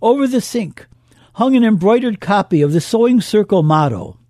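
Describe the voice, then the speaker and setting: High-voiced man reading history, mellow and dry. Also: lively intonation, normal speed, no echo. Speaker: radio history narrator. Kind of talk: scripted narration.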